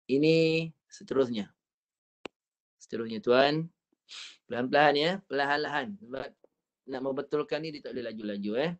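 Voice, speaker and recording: A man's voice: medium pitch, a little fast, lo-fi sound. A man with a Malaysian Malay accent teaching Quran recitation online, patiently repeating each point and drawing out the recited syllables.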